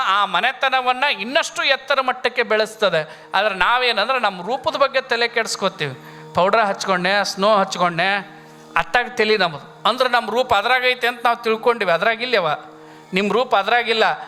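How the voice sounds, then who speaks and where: High-voiced storytelling preacher. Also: male voice, sharp tone. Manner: storytelling with acted-out quotes and folksy asides. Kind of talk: humorous sermon.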